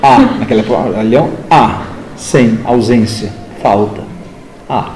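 A man's voice: mid-range voice, unhurried, slight background noise. A man in his fifties from the interior of São Paulo, a literature teacher telling stories in a casual interview and acting out dialogue. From interior of São Paulo state, Brazil. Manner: animated, acts out dialogue in other voices. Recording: roomy echoing room.

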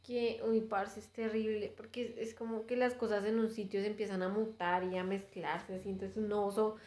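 A woman's voice: medium pitch, level tone, a little mellow. Joking Colombian woman in an echoey room. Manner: quick jokey interjections. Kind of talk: casual chat. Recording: echoey room with faint noise.

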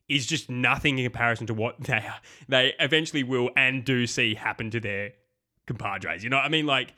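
A man co-hosting a casual film podcast, animated and swearing freely as he picks apart scenes. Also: medium pitch. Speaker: podcast co-host.

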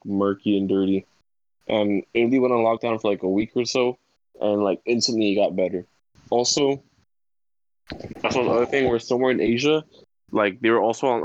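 A young man chatting casually and haltingly, peppering his sentences with filler words, on slightly dull audio. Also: lowish voice, a little mellow, dry recording. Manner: halting, full of "like". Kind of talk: casual chat.

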